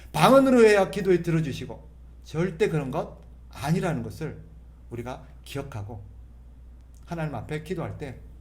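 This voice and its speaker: A man's voice: fairly high pitch, darkish tone. A male pastor preaching a sermon in a conversational way, asking rhetorical questions, answering them emphatically, and acting out sample prayers. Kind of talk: sermon at a Friday prayer meeting.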